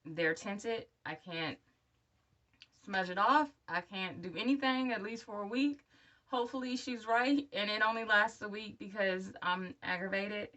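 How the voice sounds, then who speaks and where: Bright-voiced woman in her thirties with new dentures. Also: mid-range voice, measured pace, muffled recording. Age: 30s. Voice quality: speech of a new denture wearer. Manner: candid, encouraging direct address. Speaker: vlogger. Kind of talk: casual personal video update talk to viewers. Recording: voice somewhat far from the mic.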